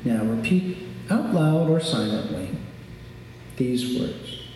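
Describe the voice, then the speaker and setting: Man, calm grounding exercise, slow deliberate delivery, very echoey hall, sermon setting. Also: mid-range voice, distant mic. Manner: measured, reflective, deliberate. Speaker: preacher. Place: large reverberant sanctuary. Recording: very echoey large hall, faint noise.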